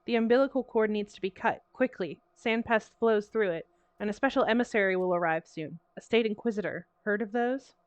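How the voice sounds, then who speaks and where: A woman's voice: mid-range voice, a little fast, few pauses, dry recording, highs cut off, natural voice. A woman reading an eerie solemn six-year-old. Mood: ominous. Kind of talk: reading game dialogue aloud.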